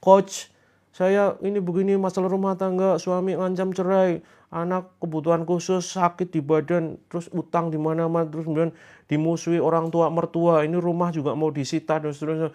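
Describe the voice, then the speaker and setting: A man's voice: fairly high pitch, flat delivery, fairly quick, dark tone, pitched above the performer's own voice, close to an everyday voice. A man acting out a distressed woman pouring out a long, pleading list of troubles.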